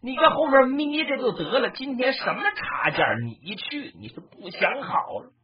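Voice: high-pitched, sing-song, moderate pace, far from the mic, muffled recording, pitched above the performer's own voice. A storyteller voicing an anxious male demon warrior, a fretful elder cousin who scolds and begs his younger kin. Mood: scolding. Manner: scolding then pleading.

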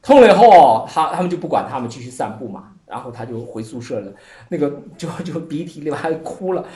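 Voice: mid-range voice, lively intonation, a little fast, warm tone. A Buddhist teacher giving a Chan dharma talk and telling an old koan as a story, laughing often and leaning on many filler words. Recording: echoey room.

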